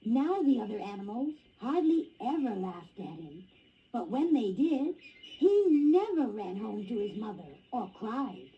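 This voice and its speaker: A woman slowly and gently narrating a children's story record, reading with deliberate care, on a dull lo-fi vinyl recording. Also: a little high, sing-song. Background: guitar music.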